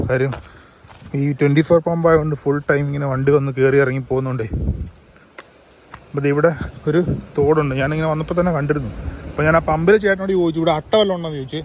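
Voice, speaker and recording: A man from Kerala with a hoarse voice, chatting casually with many fillers while filming a travel vlog on a handheld camera outdoors. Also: fairly high pitch, darkish tone, a little hiss or hum. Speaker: travel vlogger. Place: outdoors by a roadside petrol pump and stream.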